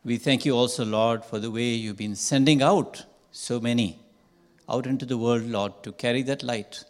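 An older man, a church elder, leading a solemn congregational prayer and repeating "Lord" often. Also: mid-range voice. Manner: slow, solemn, measured praying with repeated "Lord".

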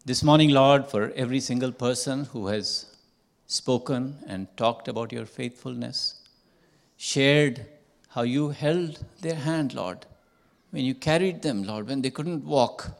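A man's voice: medium pitch, creaky. An older man, a church elder, leading a solemn congregational prayer and repeating "Lord" often. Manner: slow, solemn, measured praying with repeated "Lord".

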